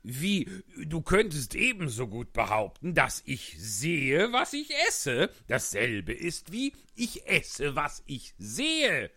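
Brief: blustery hatter, raised and emphatic, drawn-out, man reading. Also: fairly high pitch, huge pitch swings, no echo, clean studio sound, pitched above the performer's own voice, heavily acted. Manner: loud, emphatic, grumbling. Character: excitable grumbling male hatter. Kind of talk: storybook reading.

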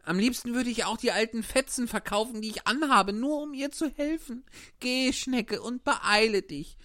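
A woman's voice: a little high, normal speed, fairly bright tone, no echo, natural voice. Brief: eager, breathless puppet boy, read by a woman, dry and close. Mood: earnest. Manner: breathless, tumbling questions. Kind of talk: live storybook reading.

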